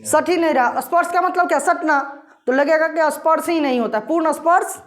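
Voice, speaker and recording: A woman's voice: high voice, fairly quick. A woman teaching a grammar lesson, asking questions and answering them herself.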